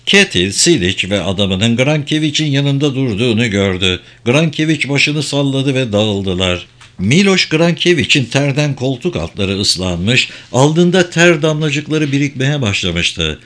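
A man reads a crime thriller aloud in a steady, even narrating voice. His pitch sits in an ordinary middle range. He tells the story plainly, without putting on voices for the characters. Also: unhurried. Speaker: audiobook narrator. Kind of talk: scripted narration.

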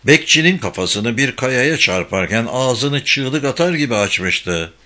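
Male audiobook narrator, steady reading, bright tone, mid pitch. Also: measured pace. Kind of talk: scripted narration.

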